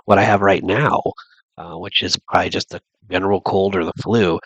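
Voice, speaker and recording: A deep-voiced man with a gravelly edge talks through a loose, rambling monologue. His nose is stuffed up from a cold, and he circles his points with restarts and fillers. The sound is close and dry. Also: fairly even intonation, fairly quick, fairly bright tone, dry recording, rough recording. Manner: thinking aloud, many restarts and fillers. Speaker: vlogger.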